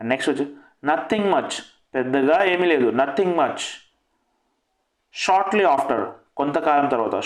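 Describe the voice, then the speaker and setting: Male English tutor, fairly high voice, very slow and deliberate, repeats each phrase; echoey room. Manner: says each English phrase, then gives its Telugu meaning and repeats it; lifts his pitch on the English phrases. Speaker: spoken English teacher. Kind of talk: language lesson with repetition.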